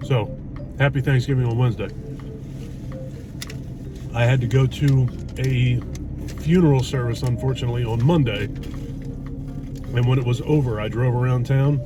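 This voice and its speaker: A man's voice: mid-range voice, steady tone, moderate pace, long pauses. A middle-aged man chatting casually and bluntly as a food vlog host, rambling and cursing a little. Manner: blunt, mildly profane, rambling. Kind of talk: casual chat. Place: inside a parked car in a driveway. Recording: noisy car interior with road hum.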